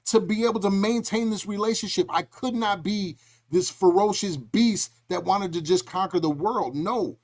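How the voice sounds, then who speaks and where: A middle-aged man hosting a casual podcast, his voice sitting a touch higher than most men's. He tells his stories with animation and slips into acted-out voices along the way. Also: moderate pace. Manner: animated storytelling, acts out quoted voices. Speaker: podcast host.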